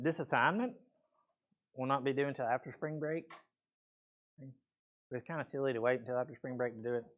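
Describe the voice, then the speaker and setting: Male math teacher in a classroom, mid-pitched, casual and patient, voice slightly worn, checks in with okays. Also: muffled recording. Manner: casual, explains step by step with frequent okays. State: voice weak from weather, peppermint in mouth. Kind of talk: classroom lecture.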